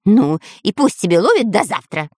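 Cowardly grumbling spy for a storybook, voiced by a woman; animated delivery, dry close mic. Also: mid-range voice, moderate pace, breathy edge, no room sound. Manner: whining and grumbling. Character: whiny, cowardly male spy.

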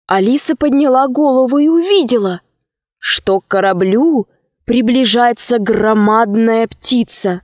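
Slow, measured woman storyteller. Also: fairly high pitch, dry recording, clean studio sound. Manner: calm, measured reading. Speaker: narrator. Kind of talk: audiobook storytelling.

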